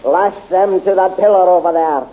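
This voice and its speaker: On a muffled old recording with hiss, an actor in a 1930s radio serial plays a cruel, haughty tyrant emperor, sounding commanding and menacing. His voice is high-pitched and natural, at a moderate pace.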